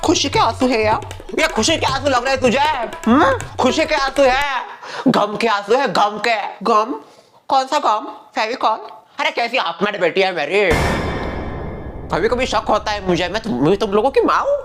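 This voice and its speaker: Guy putting on loud squabbling aunties and a frantic mom, voice jumps high and low, music playing under it. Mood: frantic scolding. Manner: quick shifts between squeaky and low put-on voices. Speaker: sketch comedian playing all characters. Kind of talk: comedy skit with one performer in every role.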